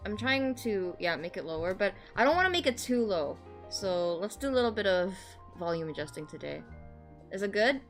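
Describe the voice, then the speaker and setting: A woman livestreamer chatting casually in a cute, excitable, giggly anime-streamer way, rambling as she goes. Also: medium pitch.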